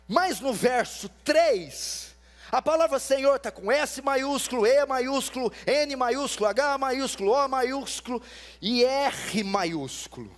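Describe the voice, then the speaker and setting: A man preaching a sermon as pastor, teaching with emphasis and repetition and rising to shouts at times. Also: very high voice, lively intonation, slow. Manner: emphatic teaching, rises to shouts, repeats for stress.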